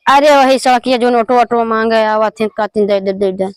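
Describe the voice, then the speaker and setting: A woman's voice: on the high side, moderate pace, clean tone, dry recording, lightly acted. A woman playing a plain-spoken, tattling villager in a comedy skit, with an Awadhi accent. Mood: reporting. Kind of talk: rural comedy skit acting.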